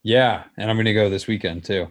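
A man's voice: fairly low pitch, brisk. A man in casual conversation, telling things in an informal, anecdotal way. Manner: acts out quoted dialogue when telling stories.

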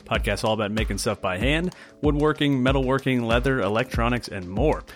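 A man hosting a craft podcast, talking in a relaxed, rambling way with plenty of fillers. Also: mid-range voice, fairly quick. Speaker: podcast host. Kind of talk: casual podcast chat.

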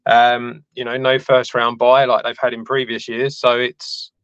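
A man, co-hosting a casual podcast, talking in a measured, hedging way. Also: medium pitch, flat delivery, a bit bright, clean tone, dry recording, highs cut off. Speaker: podcast co-host. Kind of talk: casual chat.

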